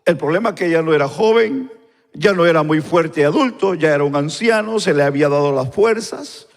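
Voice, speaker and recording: A man preaching a sermon, swinging between loud preaching and quiet asides. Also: a little high, lively intonation, a little fast, creaky. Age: 50s. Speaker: pastor. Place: church sanctuary. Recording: live church recording with long reverb.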